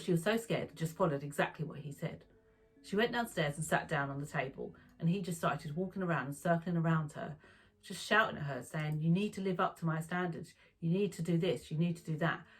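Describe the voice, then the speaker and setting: A woman narrating a true crime story in a calm, even storytelling manner. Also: deep voice, husky, rough recording.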